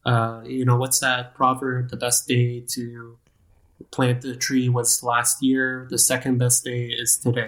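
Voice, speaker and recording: A man's voice: mid-range voice, monotone, measured pace, fairly bright tone. Guy in his 30s chatting as a podcast guest, rambly, keeps restarting, laughs at himself. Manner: rambling, self-deprecating, frequent restarts. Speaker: guest, nonprofit program manager. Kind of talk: casual interview chat.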